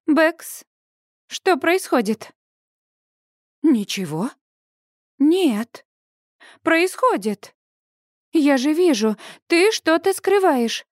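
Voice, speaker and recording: A high, shrill young woman, easily alarmed, whose questions climb into upset cries, as the audiobook's female narrator puts her on. The sound is close and dry, with no room around it. It is a storybook voice for a frantic friend. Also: big pitch swings, very slow, pauses often, dry recording, full character voice. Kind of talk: audiobook character voice.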